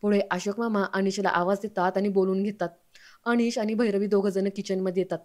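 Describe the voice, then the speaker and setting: A woman narrating a TV serial recap in a steady, recounting manner. Her voice is middle in height and notably flat, with little rise and fall. She keeps an even storytelling flow throughout. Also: medium pitch, a little fast.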